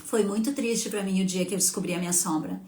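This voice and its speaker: A woman in her fifties with a southern Brazilian accent from Rio Grande do Sul, giving an emotional personal testimony on a live stream. She swings between hushed and loud and talks to herself as she speaks. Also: mid-range voice, fast talker, slight background noise. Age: 50s. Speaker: spiritual therapist and live host.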